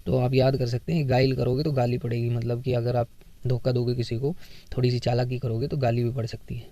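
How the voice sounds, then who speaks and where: Mellow-voiced man teaching vocabulary. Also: medium pitch, level tone, fairly quick. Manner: explains with memory tricks and acted everyday examples. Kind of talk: casual Hindi exam-prep lesson.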